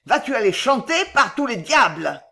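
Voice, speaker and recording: A woman's voice: on the high side, big pitch swings, normal speed, creaky, sharp tone, pitched above the performer's own voice, heavily acted. A menacing bohemian bandit from a storybook, cruel and gloating, as a woman reader puts him on. He snarls his threats through his teeth. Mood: furious.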